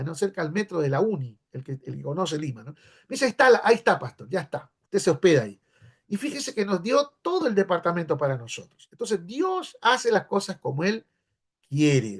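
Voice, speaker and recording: A man from Peru with a Peruvian accent, a pastor giving a teaching class in a conversational way, often checking in with his listeners. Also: high voice. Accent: Peruvian Spanish. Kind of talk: sermon-style teaching class.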